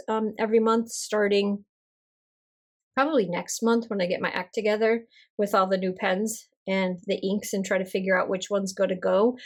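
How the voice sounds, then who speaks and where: With a cold making her slightly hoarse, a stationery vlogger talks casually and self-deprecatingly through ink swatches at her desk. Her voice has a medium pitch.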